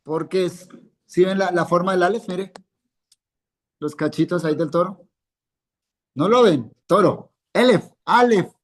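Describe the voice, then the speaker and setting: A man's voice: high-pitched, unhurried, long pauses. A male Hebrew teacher, giving a live classroom lesson and patiently quizzing students by name, repeating each word. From Colombia.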